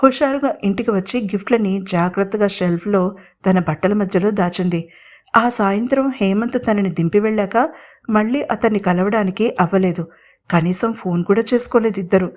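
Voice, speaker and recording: Woman narrator, romantic audio story, steady expressive reading, middle pitch. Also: moderate pace.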